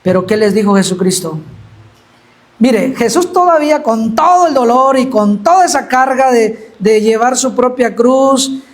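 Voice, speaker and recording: Very high-voiced preacher. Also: male voice, lively intonation, measured pace. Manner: addresses the congregation as brothers and asks rhetorical questions. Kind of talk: sermon.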